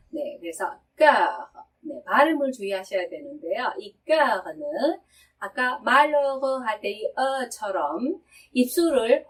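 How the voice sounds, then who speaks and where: A woman's voice: medium pitch, distant mic, low-quality recording. Patient woman teaching French lyrics. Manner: patient, explains step by step, reads French slowly. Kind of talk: song lyric pronunciation lesson.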